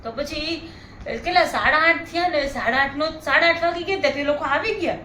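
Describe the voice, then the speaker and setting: A woman, co-hosting a family vlog, telling a story in a lively way. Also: high voice, brisk, roomy sound, background noise. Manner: animated storytelling, prone to laughing. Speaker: family vlogger. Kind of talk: casual chat.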